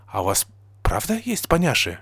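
A man's voice: mid-range voice, huge pitch swings, moderate pace, a bit bright, breathy edge, dry recording, studio quality, full character voice. A man voicing an anxious, hesitant young girl who is wary of strangers. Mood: doubtful.

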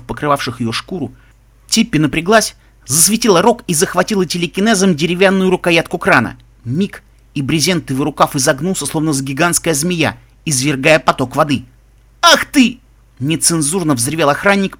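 A man's voice: fairly high pitch, a bit bright, breathy edge. A man narrating a fantasy story aloud, reading expressively and voicing the characters' lines. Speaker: audiobook reader.

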